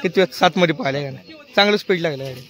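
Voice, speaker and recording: A man working as a field reporter, firing off brisk, repetitive questions at a bullock cart race and echoing back the answers. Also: on the high side, crowd noise. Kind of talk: quick roadside interviews.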